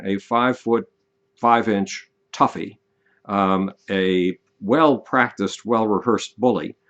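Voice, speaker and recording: An older man giving an emphatic, deliberate monologue, stretching out the words he wants to stress. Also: lowish voice, fairly bright tone. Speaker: commentator. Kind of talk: casual monologue to camera. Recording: dull lo-fi sound.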